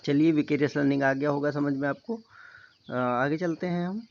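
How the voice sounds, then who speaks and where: A man's voice: on the high side, moderate pace, creaky, darkish tone. A man teaching an explanatory lecture, who often stops to check that his listeners are following. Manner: repeats "theek hai" to check understanding. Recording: dull lo-fi recording.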